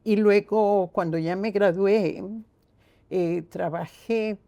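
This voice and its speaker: Older Costa Rican woman, gravelly and warm. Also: medium pitch, fairly even intonation, slow, dry recording, highs cut off. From Costa Rica. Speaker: guest. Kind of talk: reflective personal storytelling.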